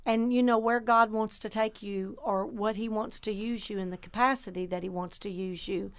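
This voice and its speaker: A woman pastor, talking about faith in an animated, exclamatory way. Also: mid-range voice, moderate pace. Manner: animated, exclamatory, laughs often. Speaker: pastor, guest. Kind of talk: faith talk, preaching testimony.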